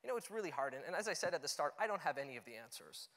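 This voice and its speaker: A man's voice: on the high side, very animated, very fast, fairly bright tone. A young man giving an earnest, conversational talk on stage, with frequent "you know" fillers. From Canada. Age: young adult. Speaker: conference speaker. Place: auditorium stage. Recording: long hall reverb.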